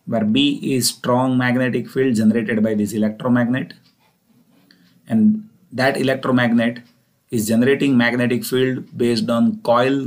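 In an explanatory engineering lecture, a man with a mid-range voice goes through the material step by step, restating his points along the way.

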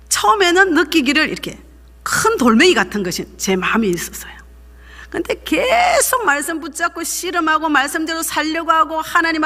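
A woman's voice: sits high, pushed and bright. A woman, a pastor's wife giving an emphatic, fervent sermon testimony. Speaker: pastor's wife leading a seminar. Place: church sanctuary. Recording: echoey church hall.

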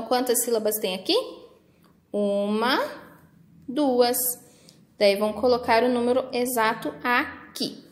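High-voiced teacher, patient and sing-song. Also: female voice, echoey room. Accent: Brazilian Portuguese. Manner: patient, slow, sing-song, speaks to small children with diminutives. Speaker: preschool teacher. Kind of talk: explaining workbook activities to young children.

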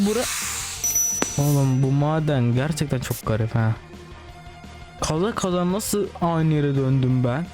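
A man giving casual let's-play commentary, excitable, swearing and talking straight to his viewers. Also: medium pitch. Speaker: gaming channel host.

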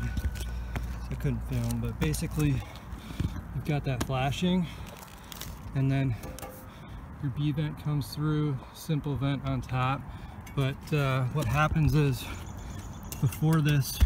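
A man's voice: medium pitch, background noise. A man casually narrating a do-it-yourself gas heater install, explaining each step in a plain, matter-of-fact way on a handheld camera. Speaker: DIY vlogger. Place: pole barn, roof and crawl space.

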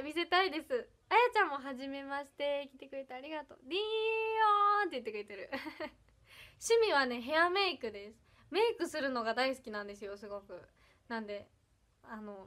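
Young woman, Iyo dialect with Kansai touches, high and bright, bubbly livestream chatter. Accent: Iyo dialect with some Kansai. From Ehime, Japan. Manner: bubbly, giggly, thanks viewers one by one. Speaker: idol livestreamer. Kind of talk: casual livestream chat reading comments.

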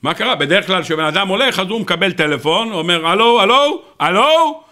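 A rabbi delivering a sermon, an animated storyteller who talks straight to his listeners. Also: high-pitched. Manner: animated storyteller, acts out the people in his stories; addresses the audience directly. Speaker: rabbi giving a weekly Torah talk.

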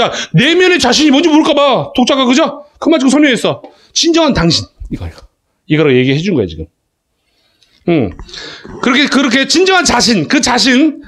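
A man teaching a class of students, talking in a casual, animated way, calling on students by name and checking they follow. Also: fairly high pitch. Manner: animated, calls students by name, asks "그지?" often. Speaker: academy English teacher. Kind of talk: classroom lecture.

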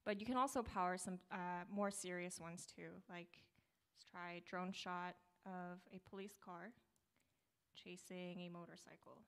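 A young woman with a lowish, steady, fairly bright and clean voice speaks a little slowly as she presents her startup's product at a meetup. On a small theater stage, she gives a conference talk with a live demo in a casual, upbeat way, using many fillers and restarts.

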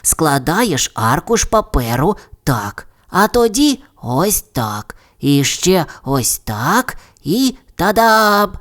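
A woman voicing a patient, crafty young female panda in a children's audio fairy tale, explaining gently. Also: on the low side, very animated, very slow, hardly any pauses, voice pushed up, heavily acted. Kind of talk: storybook character voice.

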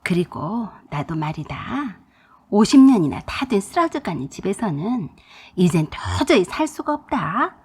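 Lady doing a pushy old mother-in-law, hushed nagging voice, kinda husky, swoops around. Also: mid-range voice, heavily acted. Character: scheming older mother-in-law, pushy and demanding. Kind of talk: storytelling.

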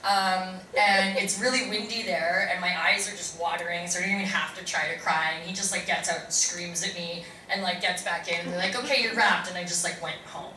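A woman on a convention panel telling a lively anecdote, acting out quotes and swearing. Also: lowish voice, brisk, few pauses. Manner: animated storyteller, swears, acts out quotes. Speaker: panel guest actor. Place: large convention hall. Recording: echoey hall from far off, noisy.

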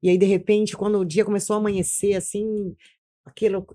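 A woman's voice: medium pitch, level tone, brisk, dark tone. A woman giving an intense personal testimony as an interview guest, repeating phrases and acting out what she once said. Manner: intense, repeats phrases, acts out her own past words.

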